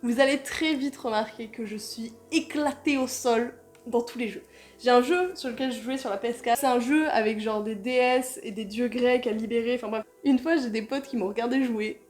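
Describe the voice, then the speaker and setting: A woman's voice: fairly high pitch, normal speed, a little mellow. A young woman chatting casually as she starts a video game, chatty and self-mocking, laughing often, at home in a room still half unpacked. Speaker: gaming YouTuber. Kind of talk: casual gaming vlog. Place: home room mid-move.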